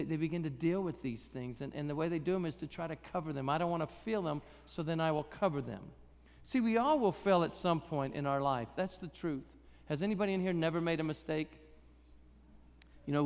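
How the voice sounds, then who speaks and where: A guest preacher delivers a sermon in a church, speaking conversationally and poking fun at himself. His voice is raspy and fairly high-pitched, and the recording carries the sound of a big room.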